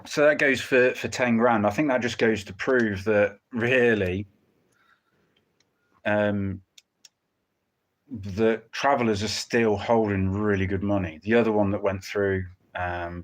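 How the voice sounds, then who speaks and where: A man's voice: fairly low pitch, steady tone, a little slow. A man hosting a livestream with casual, rambling live commentary and a dry, joking, hesitant delivery. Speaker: livestream host commenting on a car auction.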